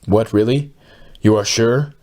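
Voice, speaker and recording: A man's voice: unhurried, dark tone, natural voice. A man putting on a spiteful, furious coarse woman. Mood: astonished. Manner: shrill, spiteful, outraged. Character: coarse, huge, furious poor woman, middle-aged.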